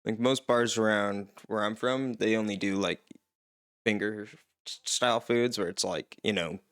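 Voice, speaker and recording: A man's voice: fairly low pitch, fairly even intonation, normal speed, a bit bright, smooth. A young man from Canada chatting casually as he reacts to a show, wondering aloud and laughing between remarks. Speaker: reaction video host.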